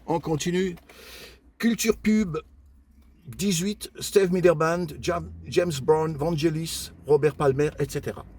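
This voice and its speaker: An older man in a casual show-and-tell vlog, calmly listing his flea-market finds one by one with many pauses and fillers, and chatting warmly with his viewers. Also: a little high, a little hiss or hum. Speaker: flea-market collector vlogger.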